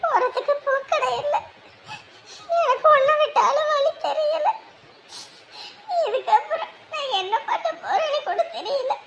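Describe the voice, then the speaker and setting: A woman voicing a nagging, sharp-tongued old mother-in-law in an animated drama, who scolds and later pleads. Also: extremely high pitch, measured pace, long pauses, a little hiss or hum, exaggerated voice. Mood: pleading.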